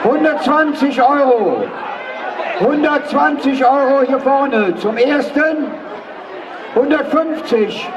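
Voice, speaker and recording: A man's voice: very high-pitched, slow pace. A man working as a live auctioneer, calling and repeating bids as host of an outdoor event. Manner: auctioneer's repeated bid calls and counting. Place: outdoor street event on a public square. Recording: loud noisy crowd, muffled distant outdoor PA. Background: loud crowd and street noise.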